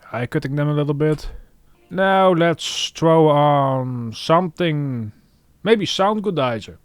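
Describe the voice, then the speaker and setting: A man with a fairly high, expressive voice and a clean tone hosts a casual music production tutorial, speaking slowly and thinking aloud as he works on screen. The recording is dry.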